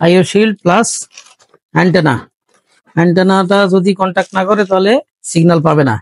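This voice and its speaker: A man from Bangladesh casually walks through the parts of a gaming PC build, chatting and explaining as he goes and mixing in English tech terms. His voice is high-pitched and gravelly, steady in tone, brisk, with no echo.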